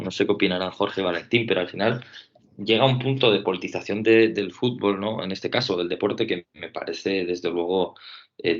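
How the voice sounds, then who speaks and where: A man from Spain, a podcaster, debating casually and thinking aloud with many fillers and tag questions. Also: on the low side. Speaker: podcaster and panelist. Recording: dull lo-fi audio.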